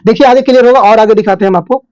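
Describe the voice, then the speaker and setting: A very high-pitched man with a Hindi accent, explaining English grammar the way a teacher does. He keeps asking rhetorical questions and answering them, and he draws out his example sentences. The sound is close and dry, with no room echo. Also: rapid-fire, a little mellow. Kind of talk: classroom-style grammar lesson.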